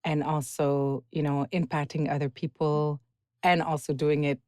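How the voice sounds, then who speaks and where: Woman host, low pitch, dry sound, encouraging, long meandering questions. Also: little pitch movement, normal speed, warm tone, no room sound. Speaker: podcast host. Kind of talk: interview.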